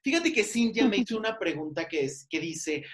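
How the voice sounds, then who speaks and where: A man's voice: sits high, animated, fairly quick. Chatty Mexican man hosting a podcast. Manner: chatty, rambling, laughs often. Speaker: podcast host. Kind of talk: casual interview chat.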